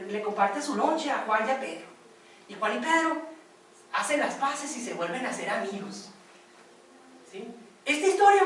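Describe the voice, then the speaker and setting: A woman's voice: fairly high pitch, fairly bright tone. A woman giving a workshop lecture to students, chatty and often checking with her listeners. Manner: conversational, asks for confirmation. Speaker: workshop instructor. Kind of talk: classroom lecture with storytelling. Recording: very echoey room from a distance.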